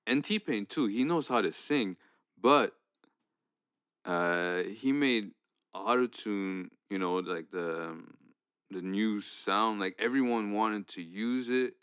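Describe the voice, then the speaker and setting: A young man from Canada co-hosts a music podcast, his voice on the low side and smooth and clear. He rambles through his points with lots of fillers and restarts, recorded close and dry. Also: takes it slowly, a bit bright, no room sound. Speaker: podcast co-host. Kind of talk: casual chat.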